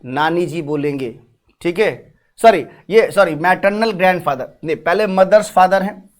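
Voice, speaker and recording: Higher-voiced man teaching a lesson. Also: moderate pace. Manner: repeats key terms, asks and answers his own questions; talks while writing on a board. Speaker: exam coaching teacher. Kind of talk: online exam-prep lesson.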